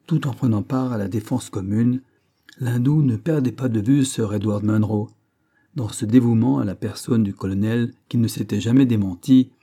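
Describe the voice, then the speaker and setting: Husky low-voiced male audiobook narrator. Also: warm tone. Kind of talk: scripted narration of a classic novel.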